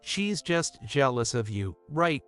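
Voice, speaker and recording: Pushy, incredulous cheating husband voiced by a man, animated and clear-voiced. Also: mid-range voice, takes it slowly, faint music behind. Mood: defensive. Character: arrogant cheating husband, young adult man.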